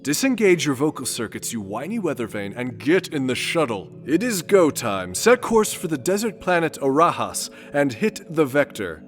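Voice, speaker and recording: An actor playing a vain, easily exasperated gentleman space adventurer in a comedic audio drama, speaking in florid, theatrical, old-fashioned phrases. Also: on the high side, sing-song, moderate pace, few pauses, faint music behind. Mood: imperious exasperation.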